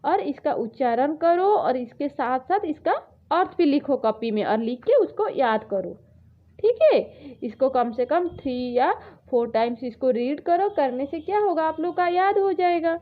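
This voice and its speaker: A woman teacher explaining words to schoolchildren in an online lesson, repeating each meaning slowly and mixing in English words. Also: sits high, expressive, muffled recording. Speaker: Sanskrit teacher.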